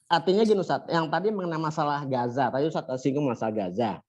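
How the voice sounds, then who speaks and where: A man's voice: on the high side, fast, darkish tone, muffled recording. A man in the audience asking the teacher a question, hesitant and searching for words. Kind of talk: question to the speaker.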